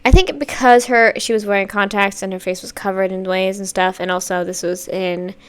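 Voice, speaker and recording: A woman giving a casual, campy, sassy music video reaction, gushing and swinging between loud exclamations and hushed asides. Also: medium pitch, fairly even intonation, a little fast, clean tone. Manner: swings from sudden loud outbursts to near-whispered asides.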